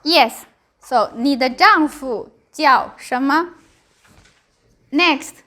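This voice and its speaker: Chinese-accented lady teaching a language class, high pitched and slow, simple phrases, keeps repeating. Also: bright, forceful tone. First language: Mandarin Chinese. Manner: short simple phrases, repeats, checks understanding. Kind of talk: language lesson, drilling and explaining.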